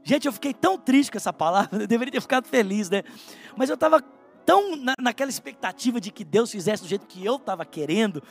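A Brazilian man preaches with a strikingly high, gravelly voice, telling his own testimony in a heartfelt sermon. He talks earnestly and speaks straight to the listener. Soft music plays faintly behind him. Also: expressive, fast talker. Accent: Brazilian Portuguese. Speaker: pastor.

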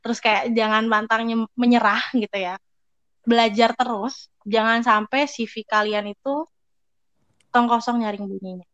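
Young woman guest, chatty advice talk with acted-out asides, slightly high voice, dull lo-fi recording. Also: steady tone, fairly bright tone, no room sound. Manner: chatty, quick, acts out little quoted thoughts. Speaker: guest giving career advice. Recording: dry, slightly dull lo-fi sound.

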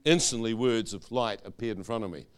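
A man's voice: on the low side, a little fast, clean tone. A man preaching a sermon testimony, telling his story and quizzing the audience with questions.

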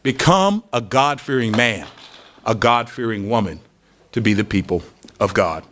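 A male pastor preaching a sermon, telling stories with animated acted-out voices. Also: fairly low pitch, unhurried, a little hiss or hum.

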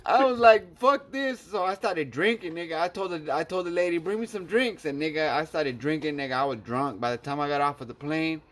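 Higher-voiced man swapping stories casually. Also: fairly quick, few pauses, a bit bright. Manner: slangy, heavy swearing. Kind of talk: casual storytelling and chat.

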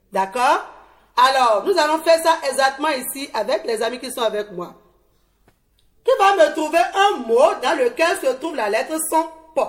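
A woman teaching young pupils on a televised lesson, speaking slowly and encouragingly in a studio classroom. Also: sits high. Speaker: primary school teacher.

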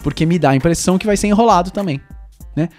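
Male host, a touch high-pitched, emphatic casual advice with rhetorical questions. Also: quick pace, a little mellow, soft background music. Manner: emphatic, with rhetorical questions and playful sound effects.

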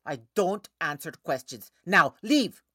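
A woman's voice: sits low, big pitch swings, a little slow, vocal fry, dry recording, studio quality, heavily acted. Firm, defiant woman at her door. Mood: angry. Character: stubborn woman refusing to open her door.

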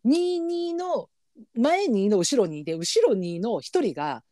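A woman's voice: a little high, big pitch swings, takes it slowly, mellow, dry recording, clean studio sound. A woman with a Kansai accent, co-hosting a podcast in casual, rambling chat full of fillers. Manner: chatty, rambling with many fillers. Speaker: podcast co-host.

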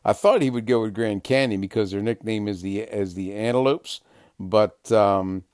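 An older man with a lowish, smooth voice hosts his sports podcast, rambling easily from topic to topic with plenty of "uh" fillers. The sound is dry and close, with no room echo. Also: moderate pace. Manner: relaxed, rambling, frequent uh fillers. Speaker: podcast host. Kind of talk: casual sports podcast monologue.

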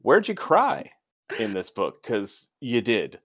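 A man's voice: mid-range voice, huge pitch swings, slow pace, a bit bright. A man hosting a casual book podcast who leads the talk with prepared questions in a dry, matter-of-fact way. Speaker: podcast host asking questions. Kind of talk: casual chat. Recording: dull, lo-fi sound.

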